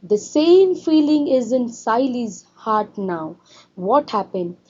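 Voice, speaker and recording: A woman's voice: fairly high pitch, very animated, slow pace, mellow, breathy edge, highs cut off. A woman teacher, explaining a story to her students and asking them questions. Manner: repetitive, asks students questions. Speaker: English teacher. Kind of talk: classroom lesson explaining a story.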